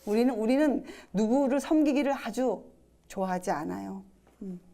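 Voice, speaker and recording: Woman preaching a sermon, mellow warm tone, keeps asking the congregation questions and plays out what the disciples said. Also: fairly high pitch, lively intonation, moderate pace. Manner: asks the listeners questions and acts out the disciples' words.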